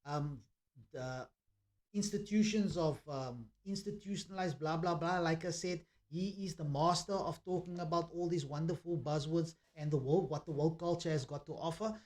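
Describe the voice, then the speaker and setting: A man talking through a preachy commentary monologue. His voice sits a little high, and he circles back over his points with plenty of ums and uhs. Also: moderate pace, darkish tone. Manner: preachy, repetitive, with many fillers.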